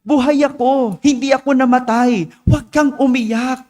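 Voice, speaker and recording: A frantic middle-aged father pleads urgently with his wife, his voice pushed noticeably higher as a male priest puts him on. He keeps repeating himself in a rush. A long church reverb trails each phrase. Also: steady tone, measured pace, darkish tone. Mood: pleading.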